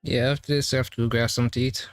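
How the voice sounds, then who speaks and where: A man's voice: mid-range voice, level tone, rapid-fire, dry recording. A man giving casual, crude and profane live commentary as he reacts to a game's story. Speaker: streamer reacting to a game story. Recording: dry mic, faint game music behind. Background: game music and dialogue.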